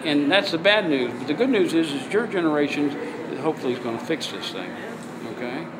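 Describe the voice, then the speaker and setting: A man's voice: fairly high pitch, animated, brisk, crowd noise, poor audio. A middle-aged man talking in a conversational educational interview, encouraging and often checking in with the listener. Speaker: youth programme leader and interviewer. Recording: loud ambient vehicle-like background noise.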